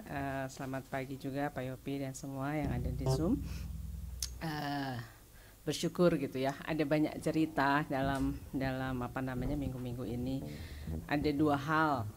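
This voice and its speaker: Chatty middle-aged woman sharing a testimony. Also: extremely low pitch. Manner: chatty, laughs often while telling stories; many fillers like "gitu ya". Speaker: church member giving testimony. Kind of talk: personal testimony in a church service. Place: church service.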